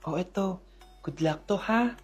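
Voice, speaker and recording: A woman voicing a gentle middle-aged mother who speaks softly and tenderly. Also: measured pace, breathy edge, soft background music. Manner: soft, low, tender.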